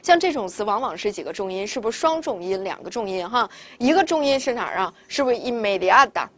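A woman's voice: medium pitch, very animated, quick pace. A woman teaching Spanish vocabulary in a recorded lesson, explaining step by step with many rhetorical questions.

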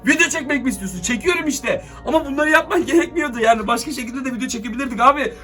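Faint music plays behind a young man shooting a staged vlog at home with a handheld camera. He's a YouTuber, frantic and exclaiming, constantly speaking to viewers in an extremely high, sharp, rapid-fire voice.

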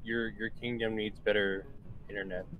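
A man joining a game stream as a guest, excitable and joking, with lots of exclamations. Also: lowish voice, moderate pace, a little hiss or hum, poor audio. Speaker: guest player. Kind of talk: casual gaming chat.

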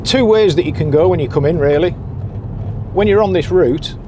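Car and road noise fill the background as a man talks casually while driving, offering anglers practical, chatty directions as a boat skipper's guide. He speaks at normal speed in a voice on the high side.

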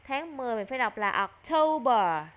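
Female tutor, fairly high voice, patient and coaxing, muffled video-call sound. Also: expressive, a little fast. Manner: patient, coaxing, addresses child as teacher. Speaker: English tutor. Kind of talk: online one-on-one lesson.

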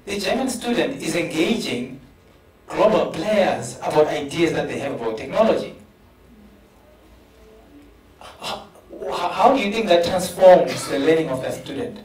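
Unhurried and expressive, a slightly high-voiced male panelist with a South African English accent makes his case earnestly during a panel discussion, repeating words as his point builds. He's a professor using a handheld mic, captured from afar in a roomy hall with crowd noise around.

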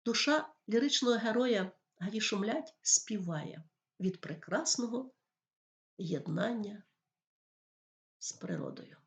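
This woman, a literature teacher, speaks slowly and expressively in a creaky, medium-pitched voice, leaving long pauses. Her school lesson is on poetry, and she patiently explains it while reading verse aloud.

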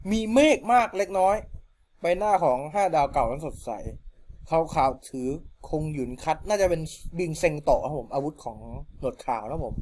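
Young male fan fiction reader, slightly higher pitch, casual and chatty, breaks off to muse over word choices. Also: darkish tone, slight background noise. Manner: chatty, stops often to question wording. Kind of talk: reading a novel aloud with asides.

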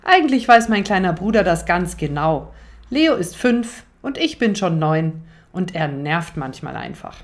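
A woman reading her own children's book aloud, speaking straight to young listeners. Her voice sits fairly low, with a gentle storytelling lilt. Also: very animated, measured pace.

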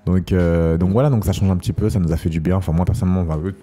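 A man's voice: low-pitched, fairly quick, dark tone. A man in his thirties from Kinshasa, chatting casually with many hesitant fillers. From Congo, Kinshasa. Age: 30s. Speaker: co-host of a couple's channel. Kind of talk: casual chat.

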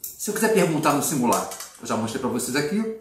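A middle-aged male English teacher explaining grammar in a casual video lesson, patient and clear, with slow model sentences. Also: medium pitch, very animated. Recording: echoey room, mic at a distance.

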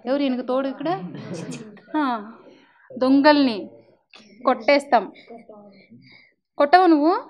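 A woman's voice: high-pitched, animated, takes it slowly, long pauses, dull audio. A young woman anchor chatting playfully with children, teasing them and asking questions. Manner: chatty, teasing, talks to kids in a friendly way.

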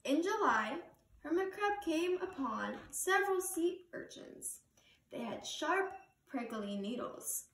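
Young woman reading a storybook slowly. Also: very high voice, a little hiss or hum. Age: young adult. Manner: slow, expressive storytelling. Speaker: reader. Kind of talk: children's picture book read-aloud. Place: living room, on a couch. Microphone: camera across the room. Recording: roomy living room from far camera.

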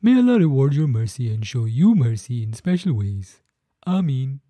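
Woman playing a jolly elderly uncle, dark mellow tone, lively swooping pitch, dry close sound, storybook. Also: moderate pace, no room sound, full character voice. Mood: cheerful. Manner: warm blessing-giving, chuckling. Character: cheerful elderly man, kindly neighbor uncle.

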